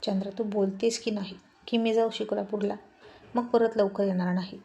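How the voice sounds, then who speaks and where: A woman's voice: medium pitch, steady tone, moderate pace, dark tone, lightly acted. A woman storyteller voicing a bold, teasing young village man who coaxes his sweetheart in a spoken romance story. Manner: coaxing, playful.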